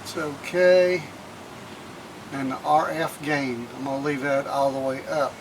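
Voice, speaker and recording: A man with a medium-pitched, fairly even voice talks at a measured pace amid background noise. He works hands-on in and around a minivan as a vlog host, giving a casual, plain-spoken how-to peppered with repeated phrases.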